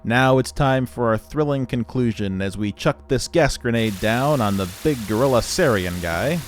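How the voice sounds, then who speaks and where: A man casually commenting while playing a retro adventure game, chatty and quick to laugh at himself. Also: mid-range voice, expressive, soft background music. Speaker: let's play host.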